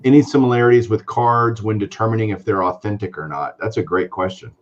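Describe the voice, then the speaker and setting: A man with a low voice co-hosting a casual collectors' chat. He sounds relaxed as he passes along viewer questions. His audio comes through dull and muffled. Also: quick pace. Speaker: co-host.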